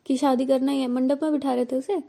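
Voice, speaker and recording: A woman's voice: high voice, steady tone, fast talker, creaky, warm tone. A woman voicing an older female teacher, a gossipy matchmaker who chatters in a scandalized way while telling a story. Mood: indignant. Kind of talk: storytelling role-play.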